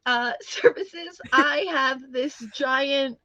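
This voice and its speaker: A woman's voice: high voice, very slow, sharp tone, dry recording, highs cut off. A woman co-hosting a casual podcast, chatty and giggly, poking fun at herself. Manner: chatty, giggly, self-deprecating. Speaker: podcast co-host. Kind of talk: casual chat.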